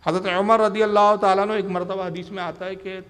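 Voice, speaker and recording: A man's voice: sits high, flat delivery, fairly bright tone. A man preaching a sermon in an emphatic, challenging way. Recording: echoey hall reverb.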